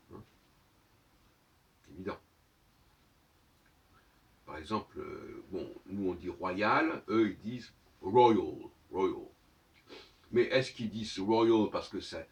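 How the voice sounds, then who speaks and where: A man giving a lecturing monologue on his own channel, professorial and argumentative, pausing on fillers while he searches for words. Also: fairly low pitch, recorded from a distance.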